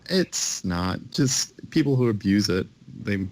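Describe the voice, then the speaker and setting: A man chatting casually as a podcast co-host, with hesitant, pausing phrasing. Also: on the low side, animated, rough recording. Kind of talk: casual chat.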